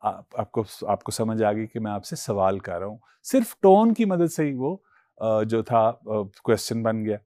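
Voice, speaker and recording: A man's voice: on the low side, sing-song, moderate pace, mellow, no echo. A male teacher giving a patient classroom lecture, moving his voice up and down as he explains.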